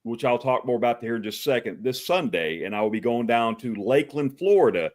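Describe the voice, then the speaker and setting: A man's voice: medium pitch, expressive, fairly quick. Chuckling man greeting livestream viewers. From Texas. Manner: friendly, calls people brother, chuckles often. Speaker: talk show host.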